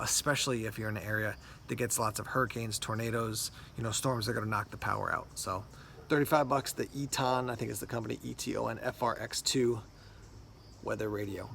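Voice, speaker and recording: Like an unboxing host, a man walks through products one by one in an informal, conversational way. His mid-range voice is fairly bright, with a noticeable gravelly creak, and light noise sits behind him as he casually explains each item.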